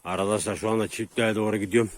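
A man vlogging outdoors in the countryside on his way to a farm, talking in a hushed low voice on a camera mic. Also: fairly even intonation, racing, no echo. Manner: talks low and hushed while tracking, then loud and high calling to his dogs. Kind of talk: casual outdoor vlog.

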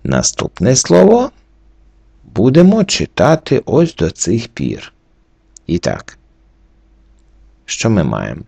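A man's voice: lowish voice, huge pitch swings, gravelly, dark tone, husky, dry recording. A man teaching a recorded lesson, methodically walking through the reading rules letter by letter. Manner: methodical, slowly walks through each letter rule. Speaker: French teacher.

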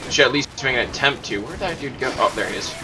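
A man giving casual, self-mocking commentary over his own gameplay, prone to excitable outbursts. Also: medium pitch, fast, over loud music. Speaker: gaming commentator.

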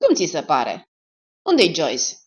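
A woman voicing a loud, dim-witted man who talks in high, hearty bluster with drawn-out cackling greetings. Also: wildly swooping pitch. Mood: silly. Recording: slightly dull lo-fi recording.

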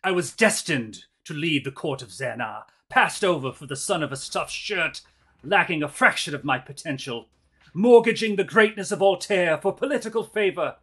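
A man voicing a bitter, scornful half-elf villain with slow theatrical menace in a tabletop game. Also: on the high side, lively intonation, fairly bright tone, husky, heavily acted.

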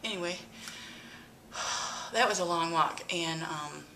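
Chatty breathy mom vlogging at home. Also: female voice, lowish voice, slow pace, slight background noise. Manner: chatty, breathy sighs, bursts of excitement. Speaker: vlogger, mother. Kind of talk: casual home vlog. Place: home, front room.

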